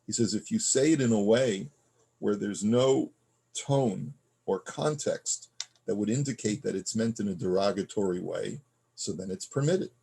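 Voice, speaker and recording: Gravelly low-voiced man teaching a text class. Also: normal speed, warm tone. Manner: reads Hebrew passages aloud, then explains them in plain conversational English; frequent fillers and restarts, checking in with the listener. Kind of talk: text study lesson.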